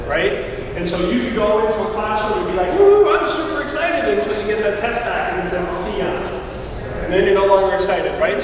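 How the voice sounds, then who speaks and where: High-voiced man speaking in an echoey hall. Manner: energetic, keeps asking "right?". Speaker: guest speaker. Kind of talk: motivational talk to students. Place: large event hall. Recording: echoey hall from far off, noisy.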